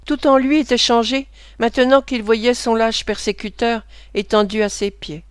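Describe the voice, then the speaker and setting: A woman reads a classic novel aloud in a steady, measured audiobook style. Her voice is crisp and a little high, recorded dry and close. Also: dry recording. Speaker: reader.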